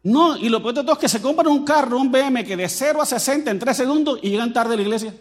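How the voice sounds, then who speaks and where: Colombian pastor guy preaching, pretty high voice, jokey and animated, talks right at the crowd. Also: quick pace. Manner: animated and joking, addresses the crowd directly. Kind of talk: sermon to a congregation.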